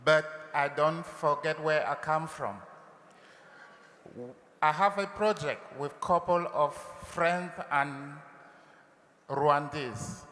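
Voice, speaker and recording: A man from Cameroon, a professor, speaking deliberately to the president from the audience. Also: fairly high pitch, a bit bright. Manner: slow, deliberate, halting. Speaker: professor asking a question. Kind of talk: public question at a town hall. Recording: echoey hall.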